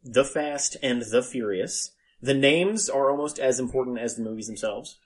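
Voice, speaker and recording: A man hosting a podcast in casual chat, emphatic and halting, repeating himself and swearing freely. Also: medium pitch. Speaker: podcast host.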